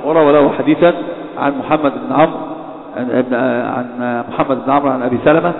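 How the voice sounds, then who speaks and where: A man with a medium-pitched, steady voice lectures quickly on hadith criticism, frequently hesitating and correcting himself. The audio sounds like an echoey hall heard through a tinny, phone-like line.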